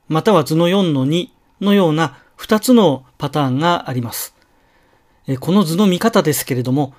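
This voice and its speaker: A man teaching pronunciation in a slow, careful lecture, pausing to model single syllables and words. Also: a little high. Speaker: language teacher.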